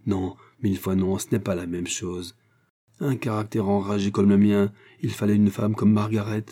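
A man's voice: lowish voice, level tone, moderate pace, warm tone, lightly acted. A man reading aloud, voicing a bored, hot-tempered retired sea captain who bursts into angry outcries.

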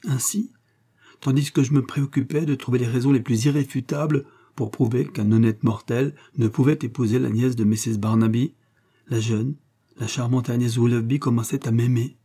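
Man, audiobook narrator, measured literary reading, very dark voice, husky. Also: medium pitch, steady tone.

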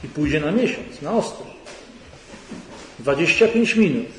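A man speaks a little slowly at a church retreat, his voice on the high side with lively intonation, keeping the lecture conversational and frequently asking the crowd rhetorical questions. The echo of the large sanctuary hall is audible, along with faint background noise.

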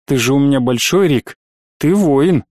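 A man's voice: medium pitch, animated, moderate pace, darkish tone, no echo, studio quality, natural voice. A man as a stern colonel father. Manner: firm, curt. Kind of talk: audiobook reading.

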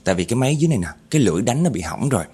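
A man voicing a young cafe manager who gives hurried, stammering orders and then soothes a frightened employee. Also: mid-range voice, very animated, darkish tone, slightly rough.

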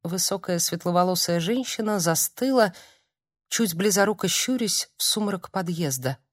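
Woman narrator, audiobook, calm measured reading, low voice, dry close sound. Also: no room sound. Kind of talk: scripted narration.

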